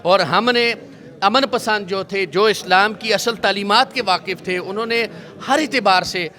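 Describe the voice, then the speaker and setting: A male religious scholar answering a reporter outdoors, speaking in a measured preaching cadence and citing scripture. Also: sits high, sharp tone. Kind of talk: street interview answers.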